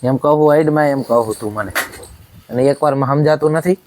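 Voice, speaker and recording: A man's voice: medium pitch, fairly quick, darkish tone, slight background noise. Angry man scolding. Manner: scolding, accusing, repeatedly demanding agreement. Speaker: angry husband in a short family drama.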